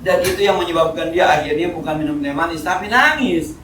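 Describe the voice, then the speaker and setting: Man, Jakarta Betawi accent, informal mosque sermon, lively swings in loudness, echoey hall, faint room hum. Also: fairly high pitch, fairly quick. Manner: lively, jokey, swings between loud and soft. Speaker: ustadz giving a mosque study lecture. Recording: echoey hall, speaker far from mic.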